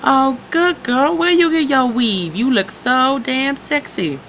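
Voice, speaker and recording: A woman's voice: high-pitched, slow, a bit bright, slight background noise, pitched above the performer's own voice. Woman doing a sleazy flirting male bee. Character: smooth-talking male bee, a cheesy flirt. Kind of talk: comic puppet-style skit.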